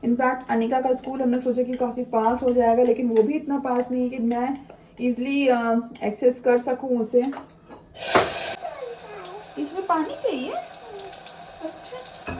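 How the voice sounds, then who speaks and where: A high-voiced Indian woman talks casually through a home vlog as a mother, slipping English words in among many fillers. Her tone is mellow and unhurried. She sounds a little far from the mic in an echoey room. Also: level tone, a little hiss or hum. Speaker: mother vlogger.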